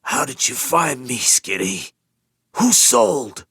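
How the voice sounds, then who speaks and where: A badly wounded fighter who talks slowly and calmly, trying to reason his way out, played by a man reading an audiobook. His voice is strained with pain. It is recorded dry and close. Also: mid-range voice, husky, no echo, voice pushed up, full character voice. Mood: strained pleading. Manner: calm, urgently reasonable.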